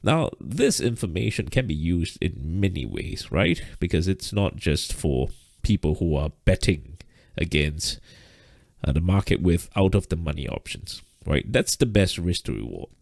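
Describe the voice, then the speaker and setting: A man's voice: deep voice, sing-song, a little slow, vocal fry, darkish tone, no room sound, studio quality. A man teaching a live trading lesson, explaining step by step and checking in with "right?", short of breath. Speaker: trading instructor.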